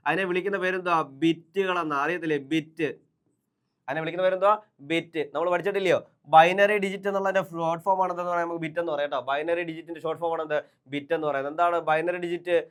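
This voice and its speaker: Man, exam coaching teacher, rapid-fire delivery, slightly high voice, asks and answers his own questions. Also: fairly even intonation, fairly bright tone, clean tone. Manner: repeats key terms over and over. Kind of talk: online exam-prep lesson.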